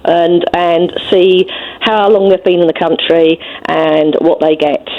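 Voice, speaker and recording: A woman's voice: lowish voice, steady tone, slow pace. A woman calling a radio show, arguing insistently and repeating herself over a phone line. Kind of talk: heated phone-in argument.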